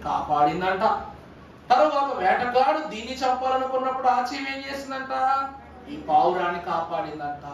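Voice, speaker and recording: A man's voice: very high-pitched, sing-song, moderate pace, lo-fi sound, slight background noise. A man preaching a Sunday sermon as pastor, asking the congregation question after question and checking that they follow. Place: church service. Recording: echoey church hall from far off.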